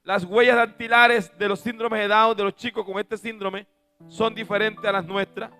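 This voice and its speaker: A male preacher with a high, bright voice tells stories through a sermon. He swings from booming shouts to soft, offhand asides. A guitar plays faintly behind him. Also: flat delivery, moderate pace, clean tone. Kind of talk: sermon with storytelling.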